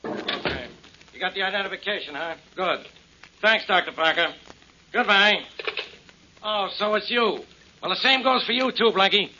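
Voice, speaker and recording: A man playing a gruff, sarcastic, stubborn police inspector in a 1940s radio drama. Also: sits high, normal speed, long pauses, close to an everyday voice. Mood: irritable, sarcastic. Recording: muffled, noisy 1940s radio recording.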